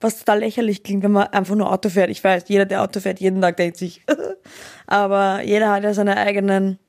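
A woman, co-hosting a podcast, listening closely, asking quick questions and sharing her own view. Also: mid-range voice, flat delivery, a little mellow, no room sound, clean studio sound. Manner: engaged listener, frequent backchannel, quick questions. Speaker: podcast co-host. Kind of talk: casual chat.

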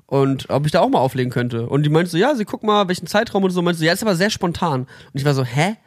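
A man's voice: a little high, lively intonation, fast, no room sound, studio quality. A young man co-hosting a casual chat podcast, telling rambling stories with lots of fillers, restarts and laughter. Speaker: podcast co-host.

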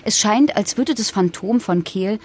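A woman's voice: mid-range voice, a little slow, a little mellow, slightly rough. A woman telling a true-crime story in scripted first-person narration.

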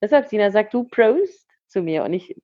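A woman's voice: medium pitch, very animated, normal speed, dark tone, no echo, dull audio. A woman co-hosting a podcast over a video call, chatty and giggly, teasing her co-host.

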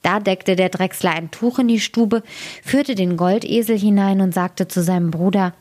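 A woman reading a fairy tale aloud as a storyteller, in a gentle, expressive way. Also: medium pitch, normal speed.

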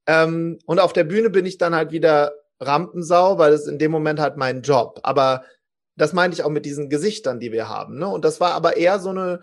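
Man in his forties, slightly high voice, lively storyteller, acts out quotes. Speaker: podcast guest. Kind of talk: animated storytelling.

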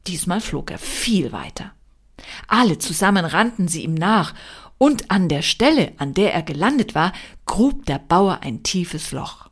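A woman reads a folk tale aloud at a slow, deliberate pace. Her pitch moves in wide, animated swings over a fairly low voice. She leans into dramatic pauses and drops to near-whispers for effect. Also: husky. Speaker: storyteller.

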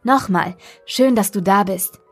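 Lady doing a cheerful warm housekeeper lady, kinda breathy, storybook read. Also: medium pitch, a little slow, soft background music. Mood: warm, welcoming. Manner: cheerful and friendly. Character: warm, welcoming woman housekeeper and cook at a castle school.

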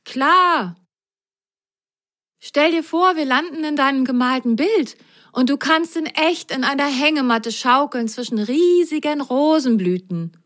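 A woman's voice: sits high, a little slow, voice pushed up. A woman voicing an eager, adventurous boy sock who talks enthusiastically in a children's story. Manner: bright, enthusiastic, bubbly.

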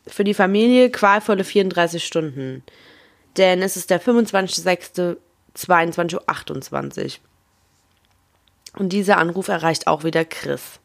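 A woman's voice: lowish voice, normal speed, creaky. A woman casually narrating a true crime case, reading quoted phone dialogue aloud with small slips and casual asides.

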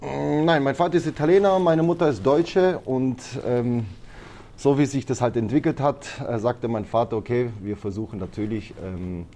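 A man's voice: mid-range voice, moderate pace, mellow. A man who grew up in Italy, a martial arts trainer speaking as a podcast guest, talking casually with many hesitations and fillers. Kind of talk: casual interview talk.

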